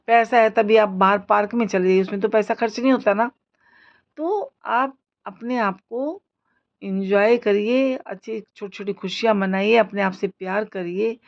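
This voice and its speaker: A woman speaks in a casual motivational talk, urging and advising her listeners in an earnest, preachy way. Her voice sits at an ordinary middle pitch. The recording is slightly dull and lo-fi. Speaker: lifestyle video host.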